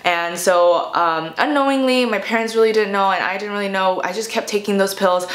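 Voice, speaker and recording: A woman's voice: medium pitch, fairly quick. A young adult American woman telling a personal story in a casual, candid, conversational way. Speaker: vlogger. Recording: echoey room.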